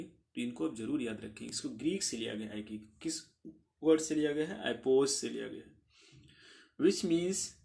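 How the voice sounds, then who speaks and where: Preparing students for an exam, a medium-pitched male teacher reads out English literature definitions slowly before explaining each one. He occasionally clears his throat and corrects himself along the way.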